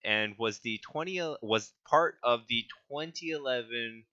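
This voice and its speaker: A man's voice: medium pitch, unhurried, sharp tone, muffled recording. A young man co-hosting a casual sports podcast, reading stats with small stumbles and laughs. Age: young adult. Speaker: podcast co-host.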